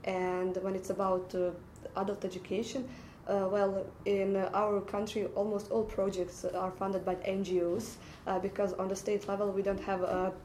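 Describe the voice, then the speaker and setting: A woman's voice: mid-range voice, little pitch movement, normal speed, a little mellow, a little hiss or hum. A young woman from Bosnia and Herzegovina, an exchange student, answering interview questions thoughtfully with many fillers. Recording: roomy echoey room.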